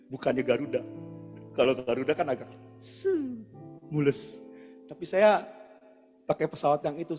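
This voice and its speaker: A male pastor giving a casual, chatty storytelling sermon, speaking directly to his congregation. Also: mid-range voice. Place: church service hall. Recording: long church reverb, soft guitar behind.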